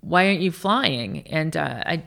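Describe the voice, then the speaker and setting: This late-fifties senior military officer from Iowa, United States, recounts candid anecdotes in a conversational interview, frequently restarting sentences. Her voice sits low and is expressive, a little slow, creaky, and fairly bright.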